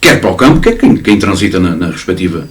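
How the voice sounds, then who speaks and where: A man commenting on football in a casual studio chat, animated and emphatic, often repeating and restarting words. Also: deep voice, fast talker. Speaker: sports commentator. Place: local TV studio.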